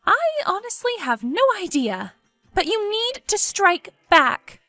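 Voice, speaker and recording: A woman voicing an excitable, pushy young woman friend in an animated story, exclaiming and goading. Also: very high voice, measured pace, no room sound, soft background music, voice pushed up, exaggerated voice. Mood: worried.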